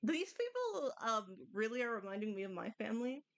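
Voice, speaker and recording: A woman's voice: medium pitch, steady tone, fast, fairly bright tone, clear, resonant tone, no echo. A young woman doing casual live gameplay commentary in a chatty, rambling way, often saying "like". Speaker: game streamer.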